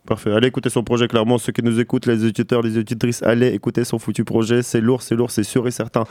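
A young man from Poitou with a regional French accent hosts a casual radio interview, relaxed and joking, repeating his words. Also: mid-range voice, quick pace, dry recording, studio quality. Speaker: radio show host.

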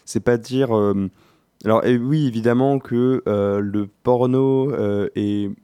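A man's voice: medium pitch, fairly even intonation, slow, warm tone, clear, resonant tone, no room sound. A man on a discussion panel explaining his views in casual, slangy, emphatic speech with repeated phrases.

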